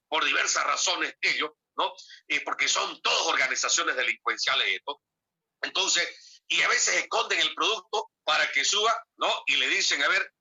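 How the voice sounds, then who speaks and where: A man giving a classroom lecture, speaking straight to his students and tagging his points with quick questions. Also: a little high, sharp tone, breathy edge. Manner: peppers talk with tag questions to students; addresses listeners directly, conversational. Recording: dull lo-fi recording.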